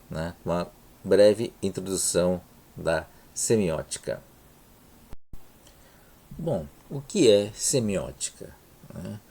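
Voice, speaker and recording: Brazilian lecturer, deep gravelly voice. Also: male voice, mellow. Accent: Brazilian Portuguese. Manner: unhurried, frequent "tá?" and "né?" check-ins, many restarts. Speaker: university lecturer. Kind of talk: recorded lecture over slides.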